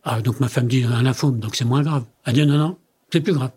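Older man, husky voice, interview guest, conversational storytelling, acts out quoted dialogue. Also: medium pitch, a little fast, darkish tone. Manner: tells anecdotes by acting out quoted dialogue. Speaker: company president interviewed as guest.

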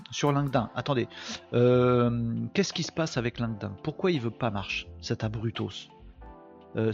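Guy from northern france with a northern accent hosting a live stream, gravelly voice, rambling and joking with chat, faint music behind. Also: medium pitch, muffled recording. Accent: northern French. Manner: rambling, joking, chatting with viewers. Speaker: live podcast host.

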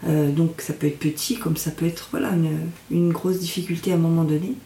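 A woman speaking as an instructor in an interview, explaining things in a reflective, halting way as she searches for her words. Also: low voice, steady tone, dark tone. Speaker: mindfulness instructor and guest. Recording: echoey room, distant from microphone.

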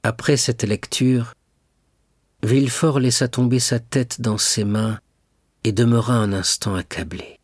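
A man narrating a classic novel as an audiobook reader, in a measured, literary delivery. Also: medium pitch, steady tone, no echo, studio quality. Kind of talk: scripted narration.

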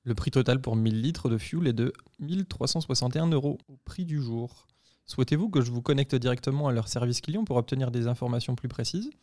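A man playing a polite AI voice assistant, speaking in a formal, measured, half-robotic way. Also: mid-range voice, dark tone, natural voice. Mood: formal helpful. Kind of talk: role-play on a podcast.

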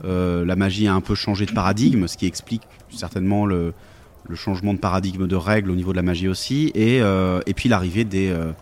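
A man's voice: deep voice, fairly even intonation, a little fast, a little mellow, a little hiss or hum. A man talking casually about tabletop role-playing games, thoughtful and hesitant with many fillers.

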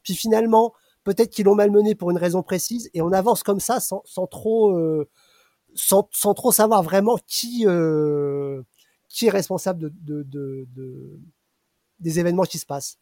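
A man's voice: sits high, normal speed, warm tone, no echo, studio quality. A man reviewing a comic in casual radio chat, hesitant with fillers.

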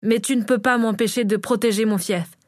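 A woman's voice: fairly high pitch, fairly even intonation, brisk, a little mellow, no room sound, clean studio sound, close to an everyday voice. A woman reading the lines of an anxious male lord set on protecting his land, in an urgent, determined way.

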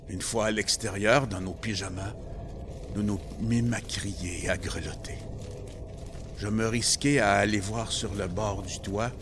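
A man reading a first-person story as narrator, slow and solemn. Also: on the low side, background noise. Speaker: narrator and author.

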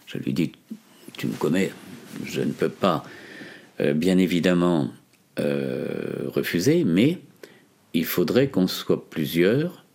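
A man in his sixties from the Ardennes, with a metropolitan French accent, recounts his experience as a lawyer in a hesitant, deliberate manner. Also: sits low, very animated, vocal fry, a little mellow. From Ardennes, France. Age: 60s. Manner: hesitant, deliberate, frequent long pauses. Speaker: defence lawyer. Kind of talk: recounted testimony in an interview.

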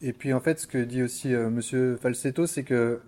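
A male interviewer with a medium-pitched, warm and mellow voice. He talks in a relaxed, casual way, often pausing on filler sounds. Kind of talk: radio interview.

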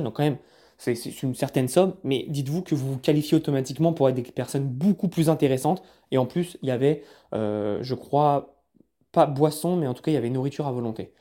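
A man's voice: fairly high pitch, dark tone. A man from France recapping events in a casual vlog, chatty, often stumbling and repeating words. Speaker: vlogger.

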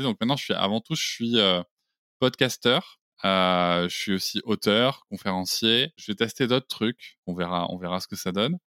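A man's voice: sits low, fairly bright tone, no room sound, clean studio sound. A man in his forties from the Bordeaux area, a podcast guest talking casually with many hesitations and restarts. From Bordeaux area, France. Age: 40s. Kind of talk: casual interview chat.

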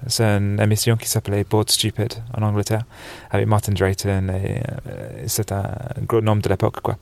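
A man from England with a clear English accent, somewhat low in pitch. He talks in a relaxed, chatty way, full of fillers and easy laughs, like a guest on a casual podcast. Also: normal speed, no room sound. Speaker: snowboard shop buyer, podcast guest. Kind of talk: casual interview chat. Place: dark corner of a trade fair hall, on a sofa.

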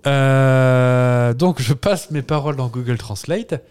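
A man's voice: mid-range voice, lively intonation, moderate pace, a little mellow. A man co-hosting a podcast in casual chat, playful and joking, rambling from one aside to the next. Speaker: podcast co-host.

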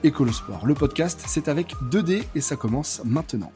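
A man hosting a podcast, reading a clear scripted introduction and then putting questions to his guest. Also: fairly high pitch, animated, moderate pace, mellow, soft background music. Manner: clear, read-aloud presenting. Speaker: podcast host.

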